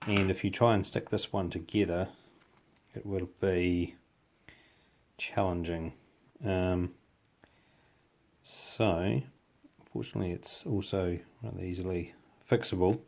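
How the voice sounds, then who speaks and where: A man with a New Zealand accent talks through a hands-on hobby tutorial. His voice is very deep, with plenty of gravelly creak. The delivery is casual and halting, as he works out his phrases while demonstrating. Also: steady tone, a little mellow, a little hiss or hum. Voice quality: gravelly, low voice.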